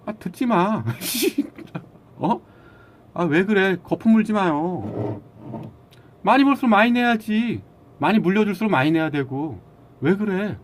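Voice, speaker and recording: A man hosts a casual live stream and lectures his viewers in a blunt, argumentative way, snapping back at the chat. His voice sits a little high for a man and swings widely in pitch. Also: very animated, a little slow.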